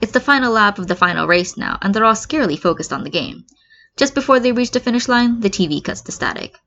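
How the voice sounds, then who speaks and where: Fast and full of big pitch swings, a woman's mid-range, fairly bright voice carries an expressive amateur reading of fan fiction. The lo-fi recording sounds slightly muffled.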